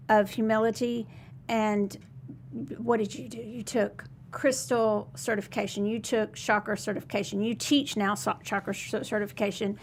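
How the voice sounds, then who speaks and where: A woman co-hosting a casual live chat and giving tarot readings, talking in quick restarts and laughing easily. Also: on the high side, creaky, a little hiss or hum. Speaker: co-host and tarot reader.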